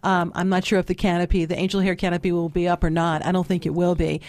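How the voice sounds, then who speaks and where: A woman's voice: fairly low pitch, level tone, fast, darkish tone, no room sound, studio quality. A woman, a guest chatting casually in an interview with many fillers and restarts. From New Orleans. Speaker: guest author.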